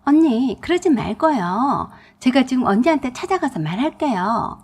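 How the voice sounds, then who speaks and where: Woman doing a whiny pushy young sister-in-law, high and a bit husky, keeps begging. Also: sing-song, normal speed, a little mellow, exaggerated voice. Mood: pleading. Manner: whiny, insistent pleading.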